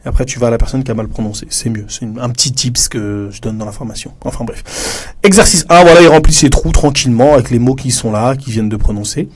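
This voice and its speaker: A French teacher trainer with a medium-pitched voice talks fast as he walks fellow teachers through classroom materials. He's casual and chatty, often addressing the listener informally and using many fillers.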